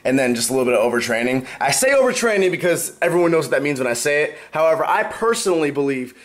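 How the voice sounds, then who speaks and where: This young fitness vlogger sounds on the high side and very animated, speaking quickly in a casual to-camera vlog. He's congested with a cold, his voice half gone, as he explains each step in turn.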